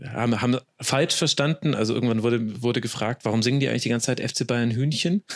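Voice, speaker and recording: A man's voice: mid-range voice, fast. A man in his thirties from Franconia, a sports journalist talking as a guest in a casual podcast interview, enthusiastic and full of restarts and fillers. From Franconia, Germany.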